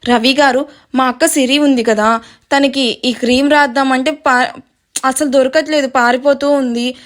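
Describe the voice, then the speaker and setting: A woman's voice: high voice, fairly even intonation, moderate pace, close to an everyday voice. A woman reading the lines of a cheeky, eager teenage boy.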